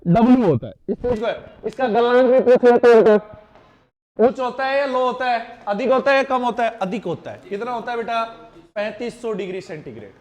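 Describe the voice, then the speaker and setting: Male coaching teacher, high-pitched, lilt, drills students with repeated questions and playful mnemonics. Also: brisk, darkish tone, muffled recording. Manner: quizzes students with repeated questions, calls them beta; jokey wordplay mnemonics. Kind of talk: live online exam-prep class.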